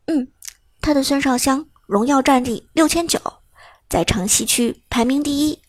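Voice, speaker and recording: A woman voicing a young male student, quietly explaining. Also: normal speed, no echo, clean studio sound, natural voice. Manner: quiet, explaining in low tones.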